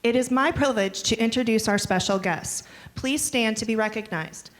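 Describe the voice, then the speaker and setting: A woman's voice: a little high, normal speed. A woman principal making a formal podium speech, introducing honored guests. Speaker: school principal. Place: at a podium at a graduation ceremony. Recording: noisy hall with clear crowd sound.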